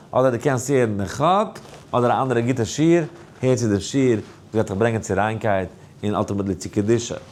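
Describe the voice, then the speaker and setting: A rabbi gives an animated Torah lesson. He talks in a sing-song way, swooping high and dropping low, and sometimes draws phrases out into a slow chant. His voice sits at a middle pitch, with a faint hiss in the background. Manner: lively, swings high and low. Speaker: rabbi teaching a daily Torah class.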